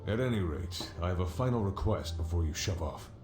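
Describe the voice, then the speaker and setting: An actor playing a gruff, world-weary old sea captain in a video game, fond of drink and wistful, talking like a salty seafarer. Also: male voice, sits low, expressive, brisk, darkish tone, reverberant, soft background music. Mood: weary, wry. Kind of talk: video game character dialogue.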